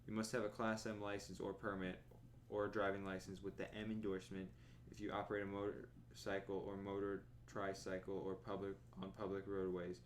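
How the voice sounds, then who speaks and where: A young man streaming from his bedroom, reading a driver's manual aloud in a plodding monotone with tired asides. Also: low-pitched, a little fast, a little hiss or hum. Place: bedroom at home.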